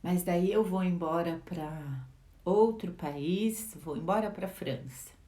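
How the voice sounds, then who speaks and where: Slow and mellow with a lowish voice, this middle-aged Brazilian life educator delivers a reflective teaching talk in a Brazilian Portuguese accent. Rhetorical questions and frequent tag questions run through it, and the recording sounds echoey.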